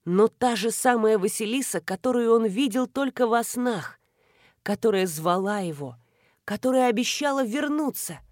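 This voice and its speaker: Woman narrator, fairly high voice, dramatic audiobook read, dry close mic. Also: normal speed, no room sound. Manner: expressive, dramatic reading. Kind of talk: scripted narration.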